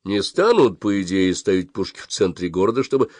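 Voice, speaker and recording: A man doing a calm, solid father. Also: low voice, no room sound. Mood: calm reasoning. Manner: measured, reassuring.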